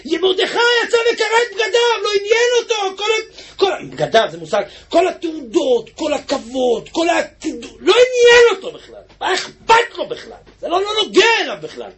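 Male preacher with a very high, lively voice, fervent sermon delivery, shouting then dropping to hushed asides. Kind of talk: impassioned Torah sermon.

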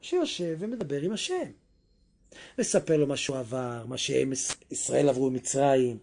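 A man's voice: medium pitch, animated, gravelly, darkish tone. A man preaching a sermon with passion, repeating phrases and breaking into sudden exclamations.

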